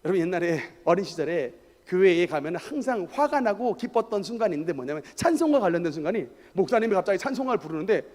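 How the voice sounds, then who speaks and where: High, lively male pastor preaching. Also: quick pace, hardly any pauses. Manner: animated, emphatic storytelling with personal anecdotes. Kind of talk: sermon. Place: church sanctuary. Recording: echoey church hall.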